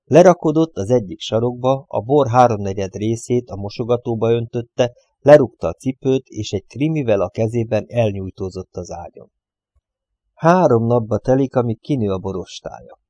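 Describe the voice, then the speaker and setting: A man reading a novel aloud as an audiobook narrator, in a steady, plain way. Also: medium pitch, no echo.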